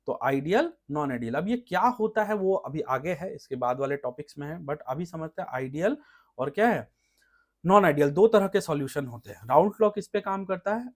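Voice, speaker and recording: Higher-pitched male chemistry teacher. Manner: explains step by step, asks rhetorical checks, repeats key terms. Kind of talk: classroom lecture.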